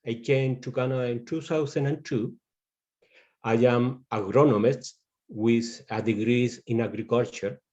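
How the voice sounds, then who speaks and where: A Chilean man speaks English haltingly as a non-native, with a Chilean Spanish accent, while presenting a webinar as a pest control specialist. His mid-range voice is steady and a little mellow, and the audio sounds dull.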